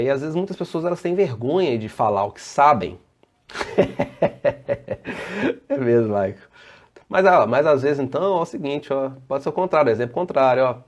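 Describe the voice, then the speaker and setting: A Brazilian man, a safety engineer and trainer, giving a casual live online presentation and answering viewer comments as he goes. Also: medium pitch. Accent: Brazilian Portuguese.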